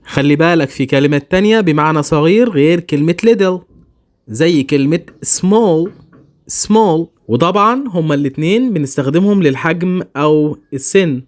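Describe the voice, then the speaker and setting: An Egyptian man leads a beginner English lesson in a friendly teacher's voice. He stops on each English word and says it slowly two times so learners can follow. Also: a little high. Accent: Egyptian Arabic. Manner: repeats English words slowly, twice, for learners.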